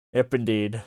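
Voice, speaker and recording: A male streamer chatting casually on a livestream while working on 3D art, speaking haltingly with many fillers and half-finished sentences. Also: mid-range voice, darkish tone, dry recording, studio quality.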